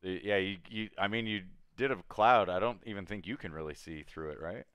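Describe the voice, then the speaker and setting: Low, smooth male game master in a dry room, talking loosely and restarting often. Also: fairly quick, fairly bright tone, no echo. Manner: loose, hesitant narration with many restarts. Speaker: dungeon master. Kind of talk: running a tabletop game over a call.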